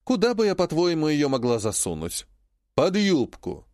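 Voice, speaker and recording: A man's voice: fairly high pitch, wildly swooping pitch, moderate pace, a little mellow, no room sound, studio quality, pitched above the performer's own voice. A man reading an audiobook, voicing a shrewd, indignant old woman, a great-grandmother and healer who laments dramatically.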